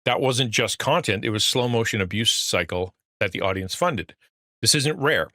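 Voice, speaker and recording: This fairly low, pushed and bright male voice comes at normal speed through clean, echo-free studio audio. He's a middle-aged pastor streaming casually, earnest and fatherly, rambling with restarts as he reads the chat aloud.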